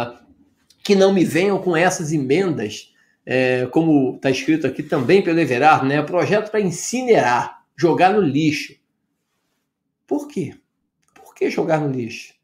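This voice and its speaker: A tax professor from Brazil commenting on tax news in an informal self-recorded video, talking emphatically with rhetorical questions and many fillers. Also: male voice, on the high side, echoey room. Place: home office.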